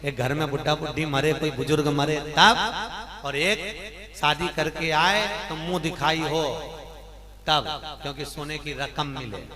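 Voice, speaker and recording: A male preacher giving a storytelling sermon, teasing and animated, at a live discourse in a large hall. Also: on the high side, a little slow, a crowd in the background. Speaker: preacher telling a religious story. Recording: echoey hall with music.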